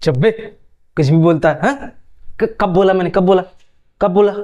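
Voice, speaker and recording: A man's voice: high-pitched, normal speed, darkish tone, highs cut off, lightly acted. A man voicing a middle-aged father who blusters and denies things in a flustered way. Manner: blustering denials.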